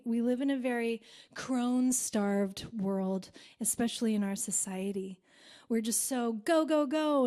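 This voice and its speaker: A woman singer leading a spiritual gathering, talking softly and meditatively between songs. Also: high voice. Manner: soft, slow, meditative. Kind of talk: spiritual talk between songs at a live concert.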